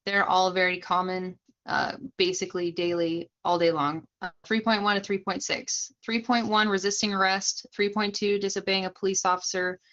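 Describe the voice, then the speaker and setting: A woman's voice: mid-range voice, little pitch movement, normal speed, hardly any pauses, a bit bright, muffled recording. A young woman casually explaining roleplay police charges on a livestream, chatting to viewers and laughing easily.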